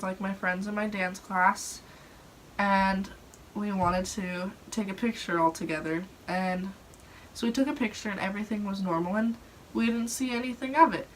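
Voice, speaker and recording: A young adult woman casually tells stories about her personal experiences as a storyteller host, chatty and rambling, saying "like" often. Her voice is medium-pitched with fairly even intonation and normal speed. She records on a phone propped on a dresser, so the audio is poor, with clear background noise.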